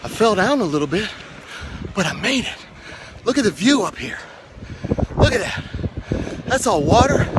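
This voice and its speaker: A man with a high voice speaks encouragingly into a handheld phone as he climbs outdoor steps, a little out of breath. Heavy wind buffets the microphone throughout. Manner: encouraging, talks to camera while climbing stairs. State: winded from climbing. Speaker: vlog host. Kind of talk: motivational walking vlog. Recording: loud wind noise on phone mic.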